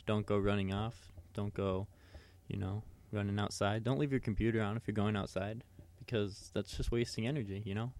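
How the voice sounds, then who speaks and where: A man with a fairly low voice co-hosts a casual sports podcast. He rambles along, doubling back on himself with plenty of fillers and restarts. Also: darkish tone. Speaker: podcast co-host.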